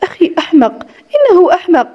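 A gentle, loyal young woman, played by a woman reading an audiobook speaks in a soft, soothing way. Her voice sits high. The recording sounds slightly dull and lo-fi. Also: lively intonation, fairly quick. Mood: coaxing.

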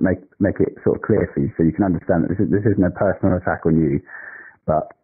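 Deep husky man on a tinny phone line. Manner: measured, lecturing, turns abusive. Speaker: caller. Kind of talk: phone call.

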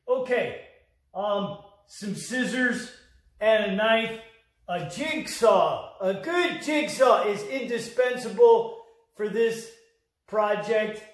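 A male DIY host walks through tools and hardware in a joking, deadpan way. His voice is high for a man and unhurried. Heavy echo and a distant mic make it sound like a bare workshop. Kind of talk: jokey how-to instruction. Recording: very echoey room, mic far off.

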